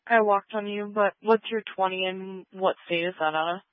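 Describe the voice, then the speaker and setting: Dispatcher over police radio, mid pitch, brisk codes, dry and tinny. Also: no echo.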